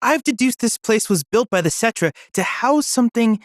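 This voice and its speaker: An actor voices an earnest, brainy, boy-like android assistant in a video game, sounding youthful and speaking in formal, precise, bookish phrases. The scripted line is helpful and eager, delivered at normal speed with a medium pitch and lively intonation. The acting is light, and the studio recording is clean with no echo.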